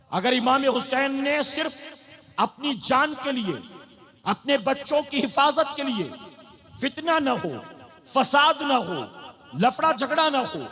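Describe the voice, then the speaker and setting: High-pitched impassioned male preacher, echoing hall. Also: a bit bright. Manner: impassioned, fires rhetorical questions at the crowd. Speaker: preacher at a religious gathering. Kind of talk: sermon. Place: large public gathering. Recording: long hall reverb from PA.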